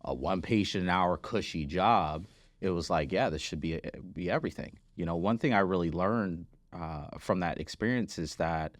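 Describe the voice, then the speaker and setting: This physical therapist and business founder, appearing as a podcast guest, speaks in a deep voice at normal speed. He recounts his story conversationally, stressing important words and frequently asking "right?". The sound is dry and clean, like a studio.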